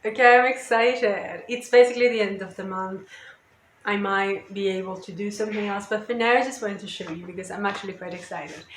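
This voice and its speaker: A woman's voice: medium pitch, fairly even intonation, brisk, echoey room, slight background noise. A woman vlogger chatting casually and rambling about her craft projects. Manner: rambling, chatty, with lots of "you know" and "basically". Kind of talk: casual chat.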